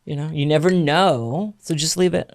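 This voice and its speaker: A man co-hosting a casual podcast as a realtor. He talks bluntly, swears a lot and throws in jokingly mean remarks. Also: on the high side. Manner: blunt and heavily profane; jokingly mean, mocks people in quick impressions.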